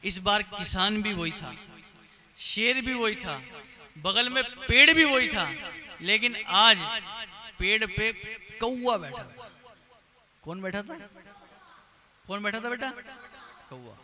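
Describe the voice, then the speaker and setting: A man giving a storytelling sermon as a pandit, acting out characters with sudden rises in pitch and loudness, recorded live in a temple hall. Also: expressive, slow, pauses often.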